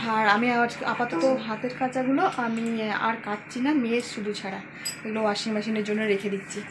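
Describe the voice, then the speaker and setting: A woman's voice: on the high side, noisy background. A woman in her thirties, chatting casually to her viewers as she records a home vlog. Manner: chatty, talks straight to viewers. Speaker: family vlogger.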